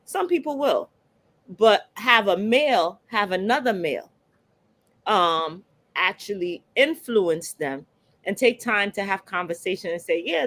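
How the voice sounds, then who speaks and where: A woman's voice: medium pitch, a bit bright. Enthusiastic female radio show host. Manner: enthusiastic, bragging about the guest. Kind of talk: casual radio talk show chat.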